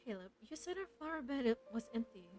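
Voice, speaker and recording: Brief: young woman, fairly high voice, reads game text aloud with lively casual reactions. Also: fast talker, faint music behind, poor audio. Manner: reads story text aloud with chatty excited asides. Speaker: gamer reading a story game aloud. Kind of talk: casual playthrough narration.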